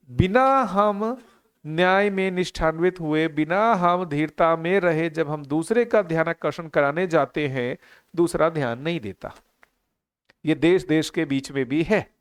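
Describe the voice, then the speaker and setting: A man's voice: high-pitched, clear, resonant tone. A middle-aged man giving an earnest talk to a live group, asking questions and repeating his key phrases. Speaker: teacher of a value-education course.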